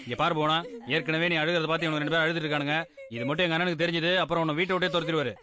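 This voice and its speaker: An actor as a fast-talking village younger brother. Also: male voice, on the high side, little pitch movement, a crowd in the background, natural voice. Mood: coaxing.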